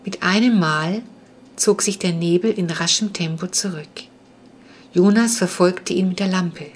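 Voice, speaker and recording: A woman narrating a children's storybook aloud, expressive and suspenseful. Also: on the low side, a little slow, a little hiss or hum. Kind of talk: audiobook reading.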